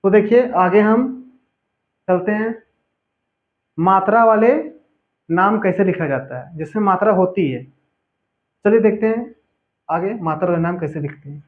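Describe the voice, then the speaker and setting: High-voiced male teacher, tinny audio. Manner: patient, repeats words slowly for students. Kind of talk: spelling lesson over a board.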